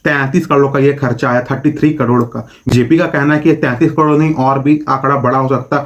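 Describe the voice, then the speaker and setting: A man's voice: mid-range voice, steady tone, fast talker, dull audio. A man hosting a political explainer video, giving scripted commentary in an opinionated tone with rhetorical questions.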